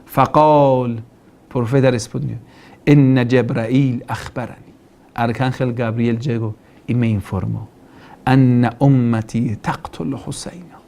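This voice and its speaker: A man's voice: medium pitch, fairly even intonation, takes it slowly, vocal fry, mellow. A male cleric giving a religious class, asking the room questions and quoting Arabic passages before explaining them. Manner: preaching with rhetorical questions and Arabic quotations. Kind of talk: religious lecture.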